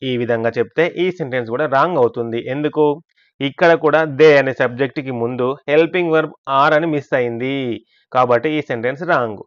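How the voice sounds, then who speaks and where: A man's voice: medium pitch, fast talker, no echo, muffled recording. A man teaching English grammar in a scripted lesson, explaining step by step and asking and answering his own questions. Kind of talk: scripted language lesson narration.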